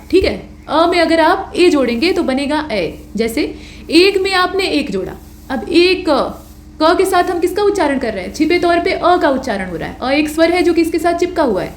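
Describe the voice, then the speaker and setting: A woman's voice: sits high, reverberant, slight background noise. A woman teaching an exam-prep grammar lecture, patiently explaining rules and answering her own questions.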